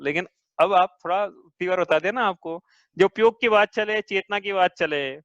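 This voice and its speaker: A man with a high voice leads a scripture class, explaining point by point and checking his students with questions. The sound is dull and lo-fi, dry with no room echo. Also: normal speed, fairly bright tone. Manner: patient, asks students questions. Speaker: teacher. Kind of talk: religious class lecture.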